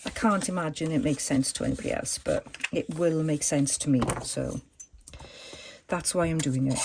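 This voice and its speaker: A woman's voice: deep voice, normal speed, background noise. Chatty woman crafting at her desk. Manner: chatty, rambling, thinks aloud with many fillers. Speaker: junk journal crafter. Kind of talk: casual crafting chat.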